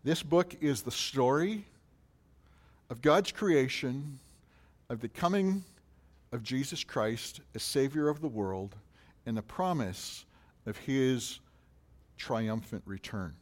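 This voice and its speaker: A man's voice: mid-range voice, animated, slow, long pauses. Guy preaching a sermon, his voice goes up on the questions and drops on the answers. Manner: preaching with rising questions and falling, quieter answers. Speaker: pastor.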